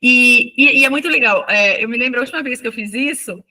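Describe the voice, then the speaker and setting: A woman teacher speaking as an interview guest, reflective and animated as she tells stories from her classroom. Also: on the high side, a little fast. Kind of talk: casual interview talk.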